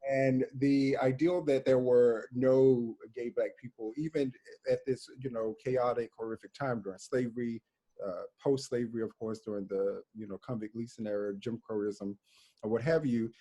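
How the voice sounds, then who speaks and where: A man from Mississippi with a mellow, slightly husky voice speaks on a panel. He talks thoughtfully and pauses to search for words, correcting himself as he goes. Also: medium pitch, steady tone. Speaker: writer and panelist. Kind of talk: panel discussion.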